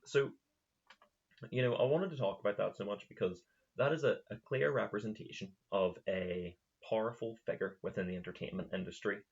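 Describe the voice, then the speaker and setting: A man's voice: deep voice, husky. A male podcast host talking in a casual, rambling monologue, full of fillers and restarts. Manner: laughs at his own retelling. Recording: slightly dull lo-fi recording.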